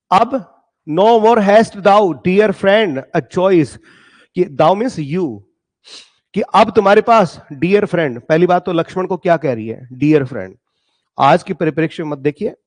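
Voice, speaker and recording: High-pitched male teacher, slow. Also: darkish tone. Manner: reads poem lines slowly and dramatically, then explains; addresses students as "beta", asks rhetorical questions. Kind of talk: Hindi-English poem explanation lesson.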